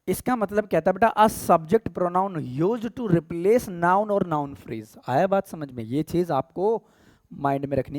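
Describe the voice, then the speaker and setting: A man's voice: fairly high pitch, darkish tone, dry recording. A man with an Indian accent teaching English grammar in a casual mix of Hindi and English. He calls his students "beta" and often checks "theek hai?". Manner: slows down to read English examples aloud.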